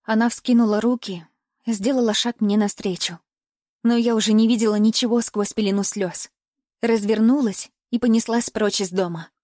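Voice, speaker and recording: A woman's voice: a little high, fairly even intonation, moderate pace, a little mellow, no room sound, studio quality. Woman narrating a dramatic audiobook. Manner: emotive first-person storytelling.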